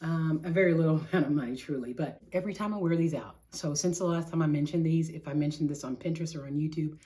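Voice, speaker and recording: A woman's voice: deep voice, quick pace, warm tone. A middle-aged woman hosting a craft vlog, chatting casually in a rambling, slangy way with self-deprecating humor. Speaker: craft show host.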